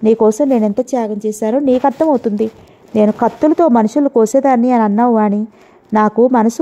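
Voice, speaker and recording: A woman's voice: fairly high pitch, warm tone, close to an everyday voice. A woman voicing a composed woman doctor who pleads earnestly, read in a storybook. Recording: dull lo-fi audio.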